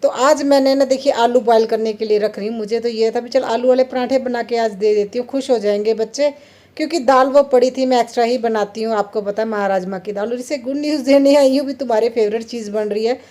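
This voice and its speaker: A woman's voice: fairly high pitch, dark tone. A woman in her thirties chatting to viewers while cooking in her home kitchen, laughing often as she talks. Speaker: home vlogger. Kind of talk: casual kitchen vlog narration.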